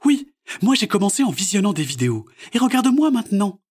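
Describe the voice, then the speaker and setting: A man's voice: high-pitched, very animated, fast, darkish tone, slightly rough, pitched above the performer's own voice, exaggerated voice. A man voicing a friendly, confident young woman dancer who talks cheerfully and encouragingly, in a storybook read-aloud.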